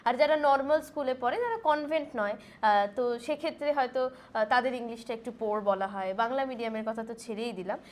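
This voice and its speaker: A woman's voice: a little high, fairly quick, darkish tone. A woman interviewer asking questions, attentive and listening, with hesitant fillers as she phrases them.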